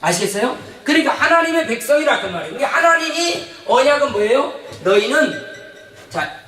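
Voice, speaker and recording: A male pastor giving an animated sermon in a church, questioning the congregation as he tells stories. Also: very high-pitched, a little fast. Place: church sanctuary. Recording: echoey church hall, mic from a distance.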